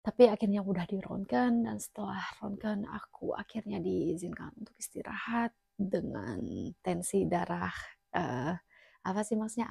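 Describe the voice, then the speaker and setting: A woman's voice: mid-range voice, vocal fry, dark tone, husky, dry recording, studio quality. A young woman casually recounting her own story as a vlogger, chatty and full of fillers, sometimes dropping to a near whisper.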